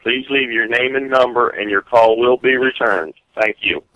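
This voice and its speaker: A man's recorded answering machine greeting for his business, heard over a phone call, spoken slowly and formally. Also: medium pitch, bright, forceful tone, no room sound. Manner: slow, formal, measured. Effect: recorded answering machine greeting played over a phone call. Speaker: business owner.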